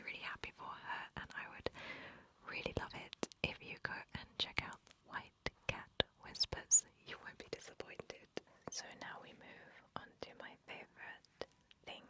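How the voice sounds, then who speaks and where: A woman whispering softly throughout, chatting warmly and eagerly about her favourite things as an ASMR creator. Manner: soft unvoiced whisper, gushing and chatty with many "like"s.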